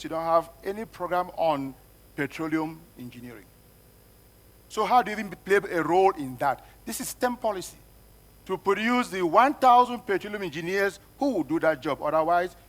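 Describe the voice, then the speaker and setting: A man's voice: a little high, fairly bright tone. A man from Cameroon moderating a panel discussion, speaking emphatically and repeating phrases for effect.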